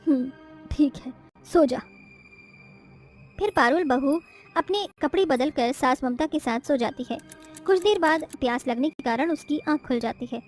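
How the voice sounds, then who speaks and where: A woman narrating a scripted cartoon story in a steady storytelling manner. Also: high-pitched, moderate pace, soft background music.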